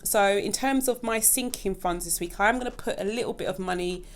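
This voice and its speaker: A little quick, in a mid-range voice, she runs her own budgeting channel and keeps this vlog casual and chatty. Her viewers are "guys" to her, a word she uses over and over.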